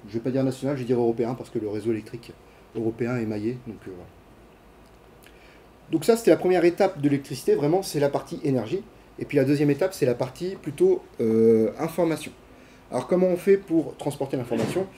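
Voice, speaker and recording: Casual male lecturer, mellow voice. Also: medium pitch, quick pace, a little hiss or hum. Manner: casual, many fillers and restarts, questions to students. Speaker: university lecturer. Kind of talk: classroom lecture. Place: lecture hall.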